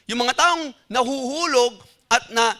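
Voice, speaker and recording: A man's voice: extremely high pitch, a little slow. A male pastor preaching a sermon in a conversational storytelling way, asking the congregation rhetorical questions. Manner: animated, mixing in English phrases.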